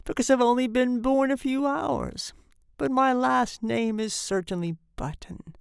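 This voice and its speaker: A woman's voice: sits high, sing-song, measured pace, no echo, studio quality, pitched above the performer's own voice, heavily acted. A woman voicing a querulous seventy-year-old newborn man in a storybook, with a weak, cracked, whining voice. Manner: complaining, querulous.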